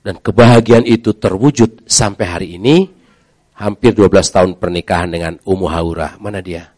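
A middle-aged man, a preacher telling his own story in a lively way and acting out the voices of the people in it. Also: low-pitched, moderate pace, no echo, clean studio sound. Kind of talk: lively testimony talk.

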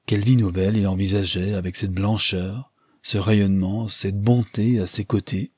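A man narrating a classic novel as an audiobook, reading in a measured, even literary manner on a close studio mic. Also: fairly low pitch, breathy edge, no echo.

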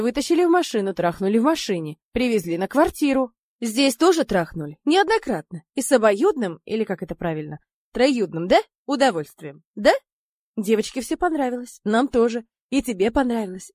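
A loud, crude man who mocks and swears his way through every line, as a woman narrator puts him on. His voice rides high and pushy, cutting through a dry, close recording. He keeps sneering at his friend. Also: no room sound. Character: brash crude foul-mouthed man, pushy and mocking.

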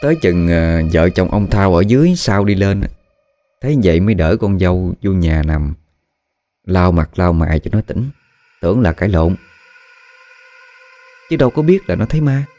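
A man's voice: sits low, expressive, normal speed, long pauses, mellow. A man narrating a ghost story in a colloquial way, with dramatic exclamations.

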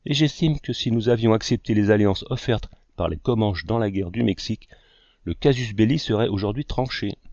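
A teasing older uncle with a deadpan wit, put on by an audiobook narrator. The voice stays low and dry against a dull, slightly muffled recording. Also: male voice, brisk, no room sound, lightly acted.

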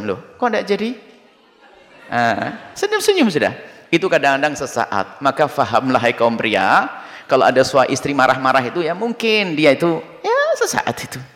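A man preaching a sermon to a congregation, lively and jumping into high-pitched mimicry of the people in his stories. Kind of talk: Islamic sermon with Q&A. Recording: long hall reverb.

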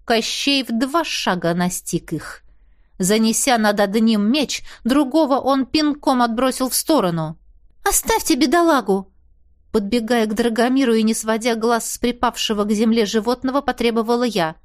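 A woman's voice: a little high, moderate pace. Woman reading a fairy-tale audiobook. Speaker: audiobook narrator. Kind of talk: scripted first-person narration.

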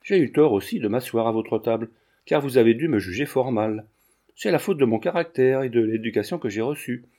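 A man reading the lines of a flighty, mysterious foreign widowed countess in an audiobook, in a soft, courteous manner. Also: mid-range voice, lively intonation, fairly quick.

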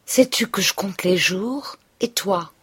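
A woman's voice: mid-range voice, slow pace, breathy edge. A woman reading as a desperate pleading young wife. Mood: dreamy. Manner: pleading, breathless urgency.

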